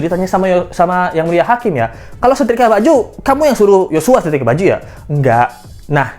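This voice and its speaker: A woman's voice: lowish voice, a little mellow. A woman vlogger giving casual, joking commentary in a playful, chatty manner. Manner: playful, joking, talks about self as the channel name.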